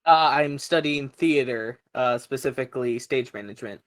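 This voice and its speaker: A man's voice: medium pitch, moderate pace, a bit bright, no room sound. A young man giving short interview answers as a game show contestant.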